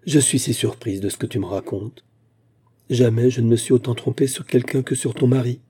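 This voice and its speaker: A man voicing a gentle, sympathetic widow who speaks in a soft, measured way. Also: medium pitch, husky, close to an everyday voice.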